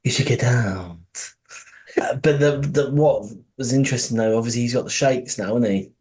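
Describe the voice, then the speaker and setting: A man's voice: mid-range voice, fairly quick, dark tone. A man co-hosting a podcast in casual, rambling chat, laughing often and swearing freely. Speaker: podcast co-host.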